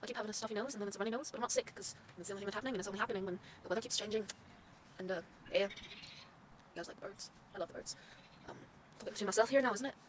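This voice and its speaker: A woman's voice: mid-range voice, slight background noise, lightly acted. A teenage girl putting on an Irish accent while rambling to the camera. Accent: put-on Irish. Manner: rambling, rapid chatter to the camera. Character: young woman faking an Irish accent.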